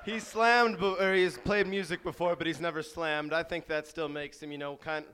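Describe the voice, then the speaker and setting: A man's voice: a little high, steady tone, moderate pace, slight background noise. A man hosting a slam night, bantering loosely to the crowd. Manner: loud and loose. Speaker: slam host. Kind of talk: emcee banter. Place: live venue.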